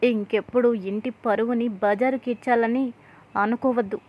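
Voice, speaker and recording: A woman voicing a sharp-tongued sister-in-law who taunts and accuses a scheming relative. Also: a little high, fairly even intonation, normal speed, slight background noise, close to an everyday voice. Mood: taunting. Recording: tinny phone-like audio.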